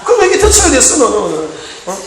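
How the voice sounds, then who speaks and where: A man preaching a sermon, telling stories with lively energy and punching key lines with shouted emphasis and calls of amen. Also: very high-pitched, quick pace. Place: church hall. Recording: echoey church hall. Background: congregation answering amen.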